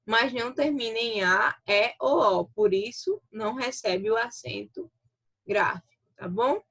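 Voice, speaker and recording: A woman's voice: a little high, a bit bright. A Brazilian woman teacher giving a recorded video lesson, explaining step by step and checking in with her students often. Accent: Brazilian Portuguese. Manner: explanatory, checks in with frequent rhetorical tags.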